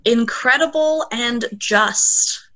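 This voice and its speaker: Woman prayer leader, bright and slightly high, giving short unhurried phrases for children to repeat on a video call. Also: low-quality recording. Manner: deliberate, pausing for repetition. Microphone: group video call.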